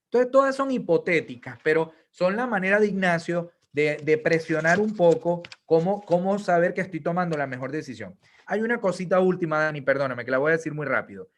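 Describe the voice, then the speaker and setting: A man's voice: a little high, fairly bright tone. A man giving a conference talk on spiritual discernment, explaining earnestly and posing rhetorical questions. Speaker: lecturer on Ignatian spirituality.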